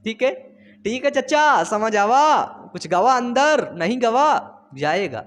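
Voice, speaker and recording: Young guy teaching bio from his home studio, high-ish voice, chatty, keeps repeating stuff. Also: sing-song, slow pace, a bit bright. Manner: chatty, teasing students, repeats phrases. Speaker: biology teacher. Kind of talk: casual online lesson.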